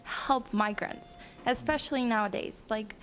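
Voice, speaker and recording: A woman's voice: a little high, measured pace, fairly bright tone, a little hiss or hum. A young woman from Greece speaking from the audience at a forum, eager and thinking aloud. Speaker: audience member. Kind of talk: question from the floor.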